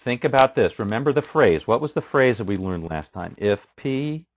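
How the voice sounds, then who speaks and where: A man's voice: mid-range voice, expressive, moderate pace. A male instructor giving a casual statistics lecture, asking students questions and using many fillers. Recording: muffled lo-fi classroom recording.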